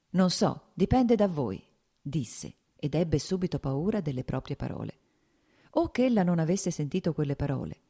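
A woman reads a classic novel aloud in a steady, measured way. Her voice is low-pitched and dark, mellow rather than bright. The delivery is even and unhurried. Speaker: audiobook narrator. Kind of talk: scripted novel narration.

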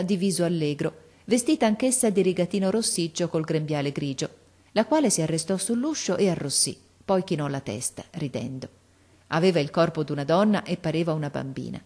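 A woman with a slightly low voice narrates a classic tale as an audiobook. Her storytelling is measured and expressive, paced for listening.

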